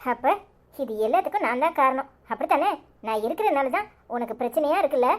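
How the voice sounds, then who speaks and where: A woman's voice: sits high, animated, quick pace. A woman voicing a jealous young wife in a cartoon comedy, with a Tirunelveli Tamil accent. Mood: hurt. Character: jealous young wife Anitha, feverish and pleading. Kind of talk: village cartoon drama.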